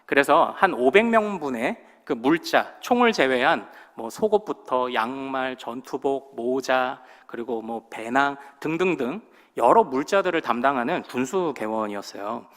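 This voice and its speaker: A man preaching a sermon as pastor, telling stories with lively delivery and acting out the voices of the people he quotes. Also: medium pitch, measured pace, few pauses. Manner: animated storytelling, acts out quoted voices. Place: church sanctuary. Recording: long hall reverb in a church.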